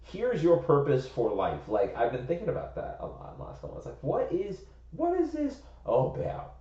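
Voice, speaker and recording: This young American co-host has a slightly high, dark voice whose pitch swoops wildly, and he talks at a moderate pace. In casual podcast chatter he thinks out loud and says "like" a lot, with the audio sounding roomy and faintly muffled.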